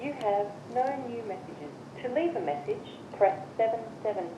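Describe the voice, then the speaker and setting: A woman's recorded voice reading voicemail system menu prompts in measured, evenly spaced instructions, heard through a phone speaker. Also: mid-range voice, sing-song, warm tone. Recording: muffled, echoey phone speaker with hiss.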